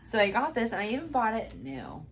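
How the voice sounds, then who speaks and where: A woman's voice: fairly high pitch, very animated, a little fast, a little hiss or hum. A woman co-hosting a podcast, chatting casually about books she bought and breaking into laughing fits. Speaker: podcast co-host.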